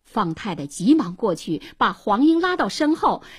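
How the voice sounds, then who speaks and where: A woman telling a dramatized story on the radio, voicing the characters' lines herself and rising to shouts in the tense moments. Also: a little high, very animated, normal speed, slightly rough, no room sound, clean studio sound. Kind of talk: dramatic story narration with voiced dialogue.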